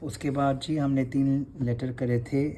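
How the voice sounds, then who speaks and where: A man's voice: medium pitch, level tone, a little slow, dark tone, a little hiss or hum. A man, teaching Gurmukhi letters in a revision class and patiently repeating each sound.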